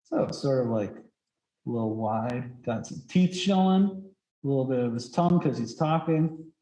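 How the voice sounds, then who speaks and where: A man's voice: mid-range voice, expressive, normal speed, mellow. Chatty man through a face mask, roomy echo. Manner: rambling, chatty, frequent "like" filler. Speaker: drawing instructor. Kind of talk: casual thinking-aloud drawing demonstration. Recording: echoey, roomy sound.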